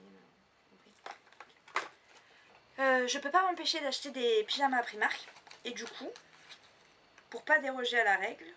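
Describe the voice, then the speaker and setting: A woman's voice: a little high, pushed and bright, recorded from a distance, a little hiss or hum. Chatty woman in a haul vlog. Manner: chatty, rambling, many fillers. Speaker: vlogger.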